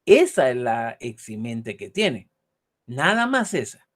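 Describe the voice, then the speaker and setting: A man's voice: medium pitch, sing-song, slow pace. A man lecturing on law, often ending points with a questioning tag and acting out short example dialogues. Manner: ends points with a questioning "¿verdad?". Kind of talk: online university lecture.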